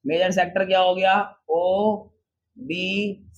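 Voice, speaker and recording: A man teaching a maths class in a classroom, lively, often quizzing the students and answering his own questions, calling them brother. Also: sits high, moderate pace, dull audio. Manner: addresses students casually as brother.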